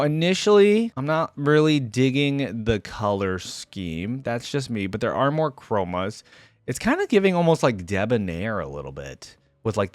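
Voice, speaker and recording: A man with a mid-range voice and no room sound hosts a reaction video. He gives casual, informal commentary on game character skins, thinking aloud as he goes.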